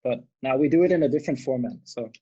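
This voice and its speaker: A man's voice: mid-range voice, quick pace, dark tone, breathy edge, lo-fi sound. A man from Austria, hosting a casual video chat in an easygoing, agreeable way. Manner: easygoing, agreeable, many short yeahs. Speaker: host. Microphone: video call mic.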